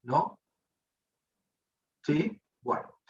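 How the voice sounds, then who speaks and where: A man's voice: extremely slow, a little hiss or hum. A man with a Rioplatense Spanish accent teaching a programming class online, explaining step by step and often checking in with the students. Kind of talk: online class, live coding. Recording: distant, muffled online class audio.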